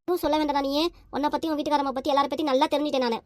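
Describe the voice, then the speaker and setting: A woman's voice: high voice, flat delivery, dry recording, studio quality, close to an everyday voice. A woman voicing a stubborn, quarrelsome grandmother. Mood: defiant. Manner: sharp, scolding, rapid-fire. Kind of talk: cartoon family comedy voice acting.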